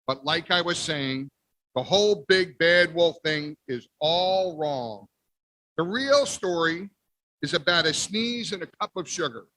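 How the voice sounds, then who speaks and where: A man reading a picture book aloud as the wolf, playful with big pauses. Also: on the high side, lively intonation, bright, forceful tone, dry recording. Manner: playful, exaggerated sneezes and storyteller pauses. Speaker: guest reader. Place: library event.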